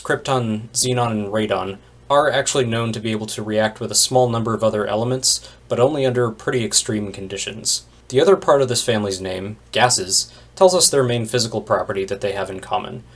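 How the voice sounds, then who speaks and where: Man narrating a chemistry lecture. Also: mid-range voice. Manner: plain explanatory delivery with wry asides. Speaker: chemistry instructor. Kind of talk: recorded lecture narration over slides.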